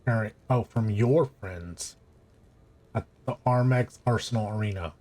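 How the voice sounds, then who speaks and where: A man's voice: fairly low pitch, a little slow, a little mellow. A man streaming a live video game playthrough, casually reading in-game messages aloud and commenting. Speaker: let's play streamer.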